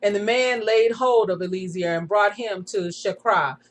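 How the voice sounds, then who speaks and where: Woman reading scripture aloud steadily. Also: mid-range voice. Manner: steady reading, with quick asides and short affirmations. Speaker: Bible study reader.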